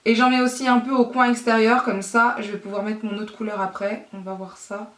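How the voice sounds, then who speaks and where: A woman from France giving a casual makeup tutorial, talking chattily with many fillers and pauses. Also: on the high side, flat delivery, a bit bright. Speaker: beauty vlogger. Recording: roomy echo, distant mic.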